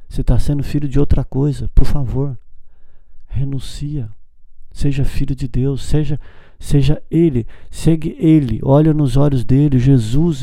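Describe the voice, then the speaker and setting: A man's voice: mid-range voice, vocal fry, dark tone, no room sound, studio quality. A man preaching an informal evangelical sermon, urging listeners with repeated phrases and frequent tag questions. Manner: exhorting, repetitive, asks "né?" and "tá?" often.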